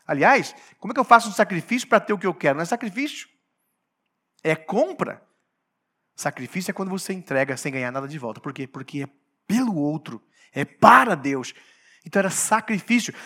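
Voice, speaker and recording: High-voiced emphatic male preacher. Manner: emphatic, swings from quiet asides to loud declarations; rhetorical questions to the congregation. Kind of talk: sermon.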